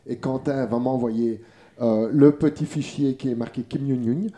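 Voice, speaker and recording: A man who is a guest on a casual podcast, excitable and swearing freely. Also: medium pitch, normal speed, a little hiss or hum.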